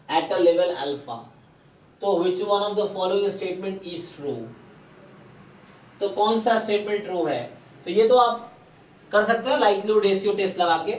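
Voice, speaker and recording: A man giving a live statistics lecture, stepping through each idea slowly and often stopping to ask his students questions. He mixes English terms into Hindi with an Indian accent. The sound is roomy and a bit distant from the mic. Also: high voice. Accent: Indian English terms mixed into Hindi. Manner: slow, deliberate explanation with frequent checking questions. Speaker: statistics teacher. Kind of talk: live online exam-prep lecture.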